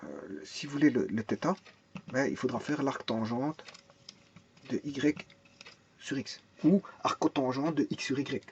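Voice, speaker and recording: A man's voice: mid-range voice, expressive, measured pace, dull audio, slight background noise. A man teaching a math and physics lesson, explaining step by step, thinking aloud, repeating words and restarting often, and asking and answering his own questions.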